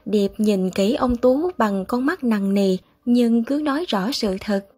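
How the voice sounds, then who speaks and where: A woman narrating a novel aloud in a steady storytelling manner. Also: a little high, takes it slowly, slightly rough. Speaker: audiobook narrator. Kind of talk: novel reading. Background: soft music.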